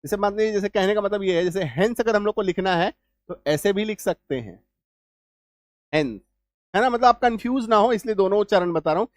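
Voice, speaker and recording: A male teacher explaining English spelling rules, spelling out letters slowly and often asking whether the class has understood. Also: high voice, animated, no echo, studio quality. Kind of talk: spoken spelling lesson.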